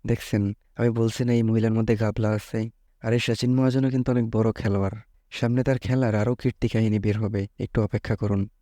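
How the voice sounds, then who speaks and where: A man's voice: fairly low pitch, level tone, a little fast, mellow, no room sound. A man casually retelling a thriller movie's plot as a recap narrator, chatty and dropping joking asides.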